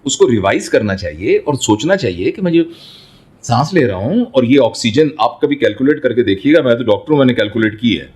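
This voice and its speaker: Male doctor, interview guest, fatherly, lively intonation, rhetorical questions. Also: mid-range voice, slightly rough. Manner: explains through everyday examples and rhetorical questions; fatherly, addresses listener as son. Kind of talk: reflective interview answer.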